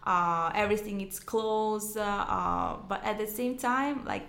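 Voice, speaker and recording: A young woman from Ecuador, a guest YouTuber, chatting in a soft, hesitant way that trails off quietly. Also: medium pitch, unhurried, vocal fry. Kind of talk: casual interview chat. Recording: echoey room.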